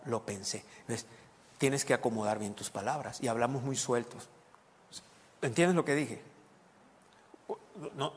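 A man preaching a sermon as pastor, explaining scripture and putting questions to the congregation. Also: medium pitch. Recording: long reverb of a large hall.

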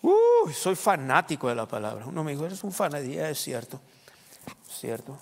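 A man preaching a sermon as a pastor, emphatic and animated, with quick asides and quips. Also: on the high side, vocal fry, long reverb tail.

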